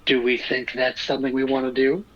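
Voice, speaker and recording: A man's voice: mid-range voice, monotone, brisk, dull audio, faint music behind. A man talking casually as a player in a tabletop role-playing game.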